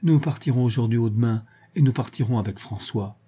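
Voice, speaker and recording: A man's voice: medium pitch, brisk, warm tone, breathy edge, natural voice. A man doing a frightened Breton housekeeper. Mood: insistent. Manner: fearful, pleading, superstitious.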